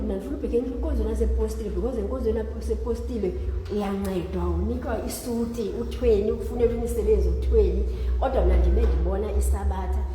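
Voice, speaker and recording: A woman's voice: mid-range voice, warm tone. Xhosa lady giving testimony in church, stumbles and restarts words, far from mic, super echoey. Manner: halting, repeating word beginnings, mixing in English words. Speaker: congregation member giving testimony. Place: church hall. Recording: distant, very echoey noisy hall.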